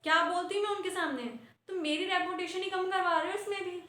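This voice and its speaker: A woman's voice: very high voice, steady tone, a little fast, pushed and bright, roomy sound. A woman playing a strict teacher in a comedy sketch, lecturing and scolding her class.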